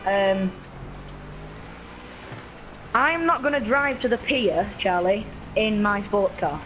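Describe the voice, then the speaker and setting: A man's voice: high voice, takes it slowly, fairly bright tone, slight background noise, poor audio. A man hosting a gaming channel, chatting casually through gameplay with the hiccups and rambling a little. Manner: chatty, rambling, slightly scattered. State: has the hiccups.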